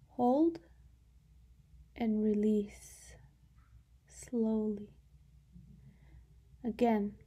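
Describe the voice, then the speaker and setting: Her voice is on the high side, soft and breathy, frequently sinking toward a whisper as she leads a guided meditation. She offers calm directions with long pauses between them.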